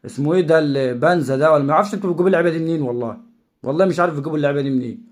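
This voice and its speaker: A man's voice: on the high side, racing. A man with an Egyptian Arabic accent hosting his own channel, ranting combatively about football and firing off repeated rhetorical questions. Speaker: football commentator and channel host. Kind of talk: heated solo rant to camera.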